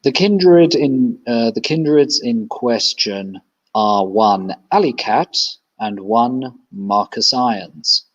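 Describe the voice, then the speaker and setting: A man narrating and playing a tabletop game in a relaxed, halting way. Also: mid-range voice. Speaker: player. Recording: dull lo-fi.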